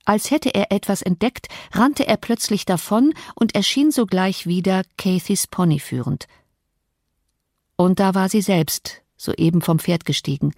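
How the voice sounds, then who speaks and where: A woman narrating an audiobook in a calm, measured storytelling manner. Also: fairly low pitch, dry recording, clean studio sound.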